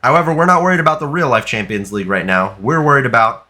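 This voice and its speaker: A young man commentates his own football video game as he plays it. His voice is bright and forward, in the middle pitch range for a man. He talks in a frustrated, animated way and often breaks into shouts at his players. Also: fast talker. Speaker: gaming YouTuber. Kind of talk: live gameplay commentary.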